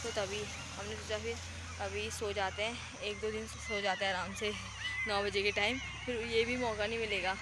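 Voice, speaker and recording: A young woman from India casually vlogs about her day, chatty and rambling as she tells her stories. Her medium-pitched voice holds a steady tone at a moderate pace, captured in noisy outdoor phone audio.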